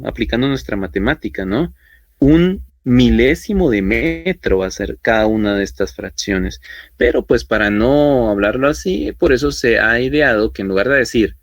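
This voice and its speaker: A man's voice: mid-range voice, dry recording. A man teaching a chemistry class, explaining step by step with frequent tag questions and fillers. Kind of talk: online class lecture.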